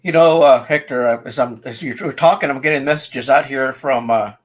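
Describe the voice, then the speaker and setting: A man's voice: medium pitch, moderate pace. A man with a mid-range voice hosts a casual interview. He speaks hesitantly and leans on filler words while he frames his questions. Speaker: podcast host.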